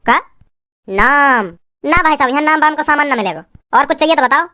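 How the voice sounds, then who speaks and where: A woman's voice: sits high, animated, fairly quick, pushed and bright. A woman playing a timid male village fruit seller in a comedy skit, who talks in a folksy, nervous, pleading way.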